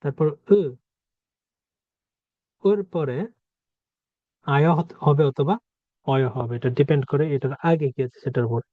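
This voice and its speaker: A man's voice: on the high side, a little slow, long pauses, no room sound. Male language teacher, patient, repeats examples; dry, phone-thin recording. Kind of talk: explaining pronunciation rules. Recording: dry, phone-like narrow sound.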